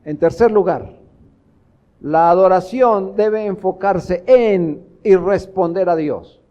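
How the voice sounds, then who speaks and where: High-voiced man preaching a sermon. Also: takes it slowly, highs cut off. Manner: earnest preaching, rhetorical questions to the congregation. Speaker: pastor.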